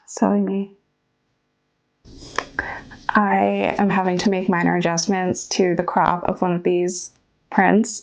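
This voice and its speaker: Recorded with lo-fi sound, a woman with a fairly low, creaky, darkish voice gives casual vlog narration from her home art studio. As an artist and small business owner, she talks chattily about her studio work, self-deprecating and quick to laugh.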